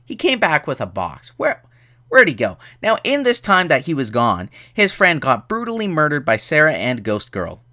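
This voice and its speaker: A man's voice: on the high side, huge pitch swings, moderate pace, sharp tone. A tired young man casually reviewing a horror movie, rambling and sarcastic, with lots of fillers.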